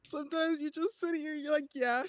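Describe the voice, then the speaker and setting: Rambly woman streamer, highish voice, dry dull mic, no room at all. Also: fairly even intonation, brisk, dry recording. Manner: rambling, searching for words. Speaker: co-host of a comic read-through stream. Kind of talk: casual chat.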